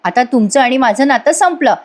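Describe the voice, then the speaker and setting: A woman's voice: sits high, expressive, a little fast. A woman voicing a caring young wife who questions her husband earnestly. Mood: hurt.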